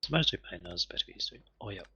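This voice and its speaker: A man's voice: low-pitched, lively intonation, quick pace, sharp tone, breathy edge. A man speedrunning a game with friends, chatting casually and joking, breaking off mid-sentence. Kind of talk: casual chat while gaming.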